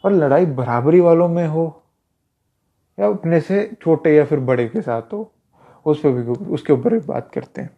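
A man's voice: a little high, animated, unhurried, gravelly. Guy chatting about fights like an instructor, keeps saying brother, kinda muffled recording. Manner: conversational, repetitive, addresses listener as brother. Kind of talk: casual advice talk. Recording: dull lo-fi recording.

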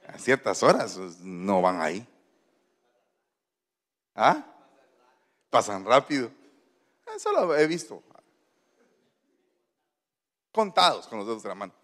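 Preaching to his congregation, a man with a lowish, slightly bright voice playfully teases and coaxes them with questions. It's an interactive sermon, and a long hall reverb trails his words.

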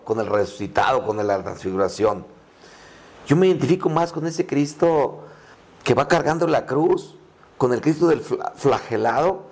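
Middle-aged priest guy, raspy gravelly voice, earnest, stops and restarts a lot, average pitch. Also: a little mellow. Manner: earnest storytelling with many restarts. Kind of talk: conversational podcast testimony.

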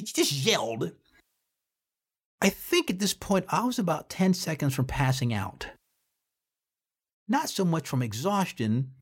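A man telling his own story in a casual podcast, animated and freely swearing. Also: high-pitched. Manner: animated, swears freely, acts out shouted drill orders. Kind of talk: casual first-person storytelling.

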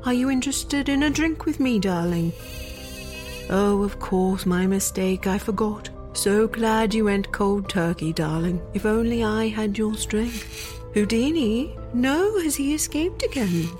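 A woman's voice: mid-range voice, animated, unhurried, darkish tone, lightly acted. A woman playing a theatrical old-fashioned female spirit medium in a comedy sketch, who gushes and calls everyone darling, with music behind her. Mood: gushing.

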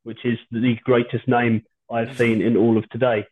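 A low-quality stream carries the thin, narrow voice of a British man. He hosts a podcast in a loose, chatty way, hesitating and rambling with dry humour. It sounds like a video call made from home without a proper microphone. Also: flat delivery, normal speed. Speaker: podcast host. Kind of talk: casual chat. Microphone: video call without his usual microphone.

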